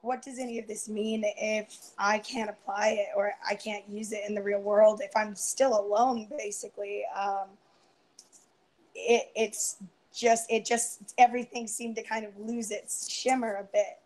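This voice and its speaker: A woman in her twenties, joining a live round-table stream as a guest over a video call from a room at home, casually shares personal matters through an earphone headset. Her mid-range voice is soft, unhurried and fairly flat, full of ums and restarts, and it's tiring and turning hoarse as she loses it. The recording is rough.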